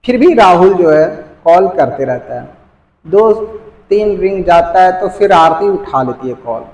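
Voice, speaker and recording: A man's voice: high voice, animated, measured pace, darkish tone, reverberant, low-quality recording. Bhojpuri-accented man telling a story. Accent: Bhojpuri-region Hindi. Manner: plain, chatty retelling. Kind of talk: casual spoken storytelling.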